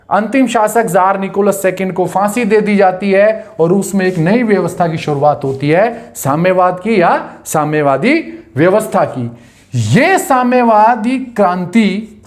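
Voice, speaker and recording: A teacher gives an exam-prep lecture, asking the class questions and answering them straight away. Key facts come back again and again so students will memorize them. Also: mid-range voice.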